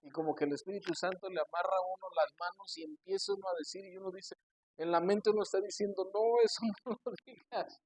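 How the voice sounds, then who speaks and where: A man preaching as a pastor, telling stories and acting out his church members' voices, swinging from hushed storytelling to loud emphatic preaching. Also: high voice, steady tone, quick pace, slightly rough, dry recording, poor audio. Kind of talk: sermon.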